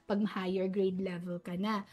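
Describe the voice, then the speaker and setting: A woman's voice: medium pitch, level tone, normal speed, a little mellow. A woman reading teacher, politely explaining phonics and sounding out single phonemes, often ending points with a questioning "no?". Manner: demonstrates phoneme sounds, frequent "no?" tag questions.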